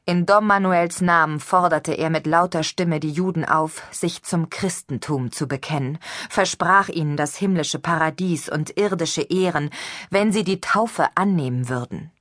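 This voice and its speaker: A woman reading an audiobook in steady, even scripted narration. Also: low-pitched, unhurried, no room sound, clean studio sound. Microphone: studio microphone.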